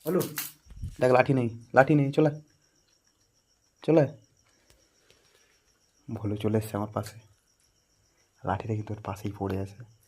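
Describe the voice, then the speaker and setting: A man with a Bengali accent narrating a casual home vlog, chatty, at times dropping to a hushed murmur and at times calling out loudly to his dog. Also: on the low side, measured pace, long pauses, husky. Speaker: vlogger. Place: home, indoors.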